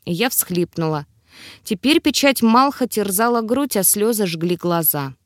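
A woman reading an audiobook in a steady, expressive way. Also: mid-range voice, unhurried, no echo, studio quality. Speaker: audiobook narrator. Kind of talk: scripted narration.

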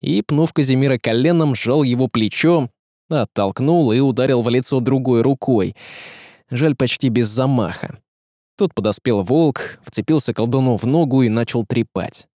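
A man reading an audiobook with lively, dramatic storytelling. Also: medium pitch, moderate pace, no room sound, studio quality. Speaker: audiobook narrator. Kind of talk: scripted audiobook narration.

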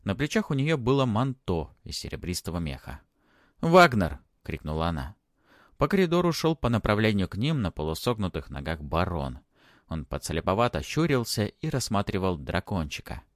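A man reading a fantasy audiobook aloud in an expressive, dramatic way. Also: low voice, fairly quick, no echo, studio quality. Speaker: audiobook reader. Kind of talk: audiobook narration.

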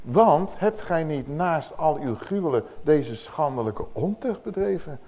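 An older man preaching a sermon. His voice is warm and mellow but pitched a little high. He preaches with lively pitch, booming out some lines and dropping softly into others. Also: unhurried. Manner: emphatic, swings from loud declaiming to soft tender asides.

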